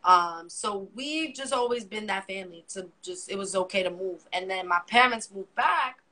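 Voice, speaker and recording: Speaking at a moderate pace and medium pitch, this young guest from Miami has a New York accent, though Spanish is her native language. Her casual interview chat is animated, peppered with swearing, and she acts out quotes as she goes.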